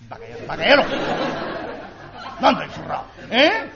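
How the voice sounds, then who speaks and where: A man playing a gruff, easily fooled father. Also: high voice, huge pitch swings, normal speed, crowd noise, noisy background, exaggerated voice. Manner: blunt, rough-spoken, exasperated. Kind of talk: traditional comic storytelling performance. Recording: dull live recording with audience laughter.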